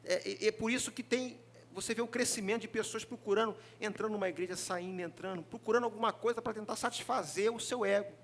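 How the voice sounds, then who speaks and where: A man preaching a sermon as pastor in a church, with a Rio de Janeiro Brazilian Portuguese accent, talking in an animated, joking way and often asking the congregation questions. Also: high voice, fast talker, few pauses, slight background noise. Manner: animated, jokey, mimics congregants, often asks the crowd. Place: church hall.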